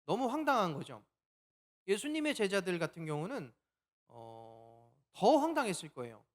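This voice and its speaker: A pastor preaching a sermon, telling the story in a lively way and acting out the quoted lines. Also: male voice, high-pitched, moderate pace.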